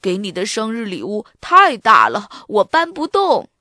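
A woman's voice: mid-range voice, huge pitch swings, a little slow, sharp tone, no echo, clean studio sound, exaggerated voice. A woman voicing an eager, cheerful young boy aardvark in a read-aloud children's storybook. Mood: excited.

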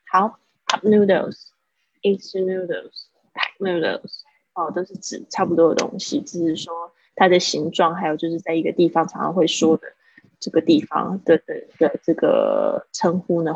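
Gravelly woman teaching English. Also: fairly low pitch, wildly swooping pitch, darkish tone, no echo. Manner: explains patiently, drills pronunciation slowly. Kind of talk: livestreamed English vocabulary lesson. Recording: dull, lo-fi livestream audio.

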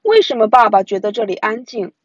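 A jumpy little boy, scared of every noise, as a woman puts him on. His voice climbs high and swings wildly as he frets. The recording is dull and lo-fi. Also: very animated, a little fast, no room sound. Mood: anxious. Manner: scared, hushed and whining. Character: timid little boy, easily frightened.

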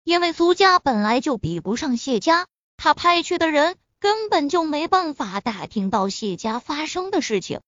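A woman narrating a web novel audiobook in an expressive storytelling manner, on a dull lo-fi recording. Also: sits high, normal speed, hardly any pauses, dry recording.

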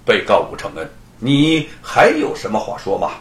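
A shrewd old-time magistrate, as a storyteller puts him on, measured and official with a dry mocking edge. The voice rises and falls widely. There is a roomy echo on the recording. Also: male voice, fairly low pitch, huge pitch swings, voice pushed down.

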